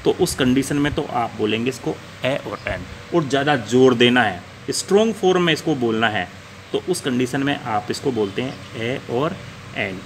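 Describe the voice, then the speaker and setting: A man's voice: mid-range voice, expressive, moderate pace, slight background noise. A man teaching an English grammar lesson, asking the class questions and answering them himself while he repeats the key points.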